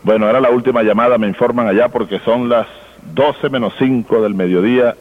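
A man's voice: medium pitch, fairly even intonation, fairly quick. A man with a Venezuelan accent hosts a call-in radio chat, talking in a friendly, joking way. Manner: warm-hearted, chatty, joking. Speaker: radio host. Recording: phone-like radio broadcast.

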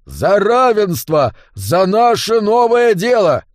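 A man voicing a drunk, bearded male tavern keeper who talks loudly and rambles, in a dry recording. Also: a little high, sing-song, moderate pace, no echo, pitched above the performer's own voice. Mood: boisterous. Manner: tipsy, loud and rambling. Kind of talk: audiobook character voice.

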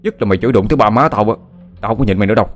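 A man's voice: fairly low pitch, expressive, a little mellow, faint music behind, close to an everyday voice. A man voicing an upright young village man who angrily scolds his friend for cursing. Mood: angry. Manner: scolding, fast.

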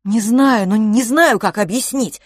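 A woman's voice: a little high, husky, no room sound, pitched above the performer's own voice. A woman voicing a frightened young boy close to tears who stammers and breaks off mid-sentence. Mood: frightened halting. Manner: halting, stammering, unsure.

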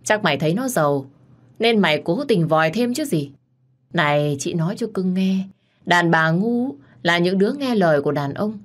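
A woman's voice: lowish voice, lively intonation, moderate pace. A woman voicing a furious, scornful middle-aged wife who hurls threats at her rival.

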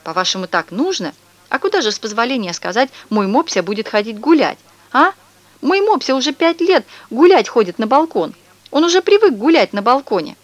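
A woman voicing a fussy, high-strung middle-aged neighbor who fusses over her dog, in a shrill, squealing voice, for an audiobook. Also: big pitch swings, brisk, muffled recording. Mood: indignant. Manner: indignant, high-strung, scolding. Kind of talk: audiobook character reading.

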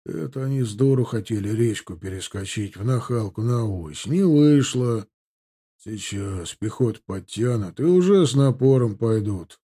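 A man voicing a gruff, deep-voiced older soldier in an audiobook. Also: expressive, moderate pace, dark tone. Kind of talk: audiobook character voice.

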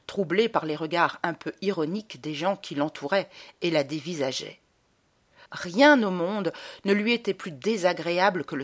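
A woman narrating a literary audiobook with dramatic, expressive reading and slowed emphasis. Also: fairly low pitch.

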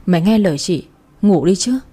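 A caring older woman friend in a storybook reading, speaking gently and soothingly, as a woman reader voices her. The tone is mellow and slightly husky. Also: medium pitch, lively intonation, brisk. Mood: coaxing.

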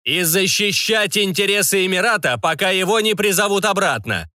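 A man putting on a mage's magically amplified booming proclamation. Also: animated, normal speed, sharp tone, no echo, studio quality. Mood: commanding. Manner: commanding, proclaiming. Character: stern male mage proclaiming an order. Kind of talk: audiobook narration.

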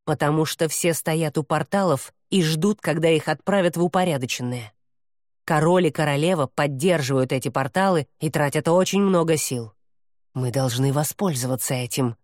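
A woman voicing a proud male demon who talks in a low, growling, contemptuous way, as in an audiobook. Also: moderate pace, darkish tone, no room sound, clean studio sound, close to an everyday voice. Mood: cold.

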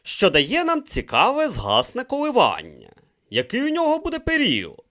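A man's voice: extremely high pitch, wildly swooping pitch, normal speed, bright, forceful tone, pitched above the performer's own voice, full character voice. A man voicing a brilliant male camel mathematician who mutters calculations to himself in an audiobook reading. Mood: musing.

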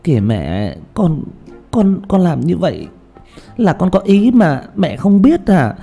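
A man's voice: high-pitched, very animated, slow pace, gravelly, warm tone, husky, faint music behind, pitched above the performer's own voice, exaggerated voice. A man voicing a young woman, pleading and defiantly justifying herself to her mother.

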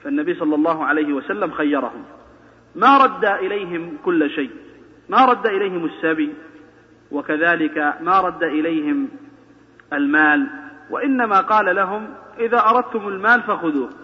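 A man's voice: on the high side, normal speed, long pauses. A man teaching a religious lesson as a sheikh, who asks himself rhetorical questions and answers them with rising emphasis. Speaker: sheikh lecturing on the Prophet's biography. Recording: echoey hall, tinny phone-like sound.

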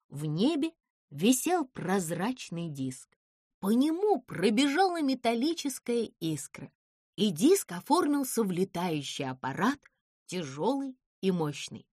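A woman narrating a children's storybook with an expressive, animated reading. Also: medium pitch, dry recording, studio quality.

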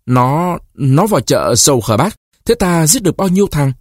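A proud, anxious old village man who stammers when he is shaken, his voice swinging widely up and down, as a man reading the story aloud puts him on. The voice is a little husky, and the sound is close and dry. He comes through an audiobook of a short story. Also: medium pitch, very animated, moderate pace, darkish tone, no echo.

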